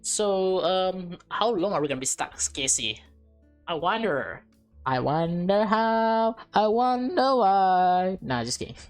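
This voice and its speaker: With music in the background, a woman reads through a visual novel for a let's play in a low-leaning, animated voice at a slow pace. She chats casually along the way, addressing viewers informally as "guys" and "man."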